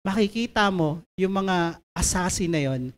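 A woman preacher giving an emphatic sermon, reading scripture slowly and asking listeners to turn to their neighbors. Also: fairly low pitch, lively intonation.

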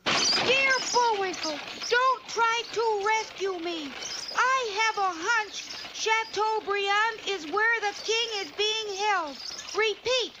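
A woman's voice: very high-pitched, slow pace, very noisy. A woman voicing a plucky, earnest young boy squirrel in a vintage cartoon, eager in manner. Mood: urgent. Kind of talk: vintage animated cartoon acting.

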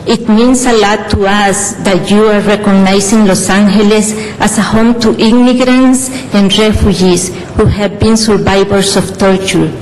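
A middle-aged woman from El Salvador reads a prepared testimony to a city council in a measured, earnest way. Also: medium pitch, steady tone, a little mellow. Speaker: community advocate giving testimony. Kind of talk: prepared statement read aloud. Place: council chamber. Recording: council chamber with long reverb, faint noise.

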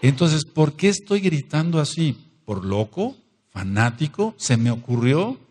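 A man's voice: on the high side, big pitch swings, a little slow, darkish tone, husky. A man with a Mexican Spanish accent preaching a sermon as pastor, emphatic, repeating phrases and asking the congregation questions. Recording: long hall reverb.

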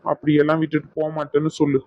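A man's voice: a little high, completely flat delivery, rapid-fire, lightly acted. A man voicing an exasperated young husband, a doctor, who pleads and complains to his grandmother about his wife. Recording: dull lo-fi.

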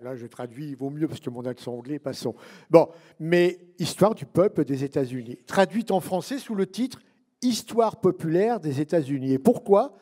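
A man's voice: fairly high pitch, lively intonation, normal speed, mellow. A man who is one of a book's authors, answering an audience question at a public talk, digressive with wry asides and many fillers.

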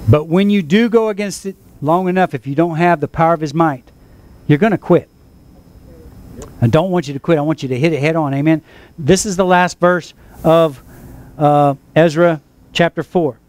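Pastor, male, high voice, emphatic sermon delivery with call-and-response. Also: normal speed, darkish tone. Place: church.

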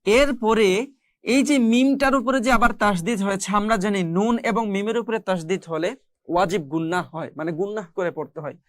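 A recitation teacher gives a step-by-step lesson, pausing to demonstrate by chanting long, held-out syllables. The voice is smooth and resonant, recorded close in a dry space with no room sound. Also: medium pitch, no echo. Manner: explains rules slowly, then chants drawn-out Arabic syllables.

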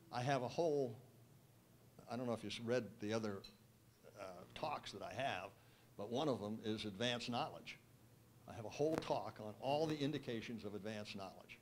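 An older man, a guest speaker, answering audience questions with wry, emphatic, measured replies into a handheld microphone in a wood-panelled banquet room. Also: mid-range voice, slight background noise. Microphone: handheld mic.

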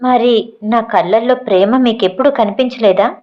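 A woman's voice: fairly high pitch, moderate pace, natural voice. A woman reading as a shy young bride. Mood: loving. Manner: emotional, pleading questions. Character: shy young bride, loving and playfully cross. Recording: dull lo-fi recording.

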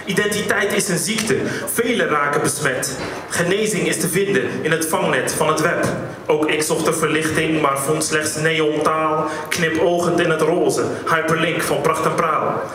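A man's voice: fairly high pitch, fairly even intonation, normal speed, a crowd in the background. A man performing his own rhyming spoken-word poems on stage at a poetry slam, recorded live in a venue hall. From Netherlands. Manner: rhythmic, rhyming delivery. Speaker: slam poet. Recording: echoey hall, distant mic, background noise.

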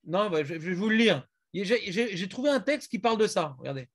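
A man's voice: high-pitched, animated, a little fast. A man teaching a Talmud class, questioning and prodding his students.

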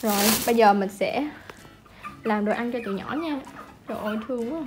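A woman chats at home in a somewhat high voice, doting and chatty, slipping into baby talk. Music plays clearly under her voice. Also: a little fast. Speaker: pet vlogger. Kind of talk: casual vlog narration.

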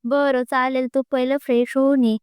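A woman's voice: high voice, flat delivery, normal speed, a little mellow, clean tone, no room sound, clean studio sound, close to an everyday voice. A woman voicing a homely mother welcoming her grown son home.

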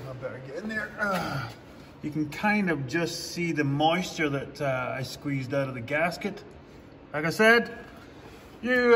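Slow-talking plainspoken farmer man. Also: a little high, fairly bright tone, big-room sound, a little hiss or hum. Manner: plainspoken, dry sarcastic humor. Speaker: farmer doing his own repairs. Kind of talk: casual how-to vlog narration.

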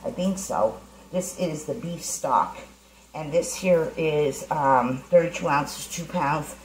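In her echoey home kitchen, a middle-aged woman runs a laid-back cooking demo for her channel, talking through the recipe one homey step at a time. Her deep voice takes things slowly. Recorded by a camera on the counter, the audio has faint pot noises and a little hiss or hum.

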